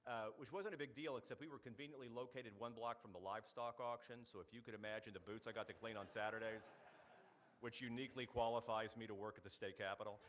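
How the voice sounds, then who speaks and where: Middle-aged man, club speaker, quick-talking, bright forceful tone, storytelling speech. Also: lowish voice. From Oklahoma. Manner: animated storyteller, quick delivery with punchy asides. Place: meeting hall.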